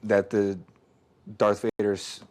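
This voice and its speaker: A man's voice: fairly low pitch, monotone, unhurried, darkish tone. Hesitant, rambling young man. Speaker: podcast co-host. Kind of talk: casual chat.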